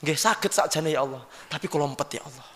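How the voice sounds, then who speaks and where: A man's voice: a little high, quick pace, fairly bright tone, lightly acted. A man playing a humble older male official with a Javanese accent, pleading his case meekly. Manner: meek, pleading. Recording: long hall reverb.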